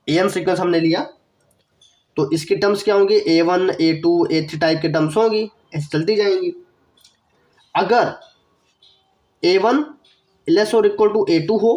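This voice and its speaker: This online math lesson comes from a young man whose high voice is a little mellow. He's coughing and somewhat under the weather, yet he explains step by step, repeating key phrases and questioning the viewer.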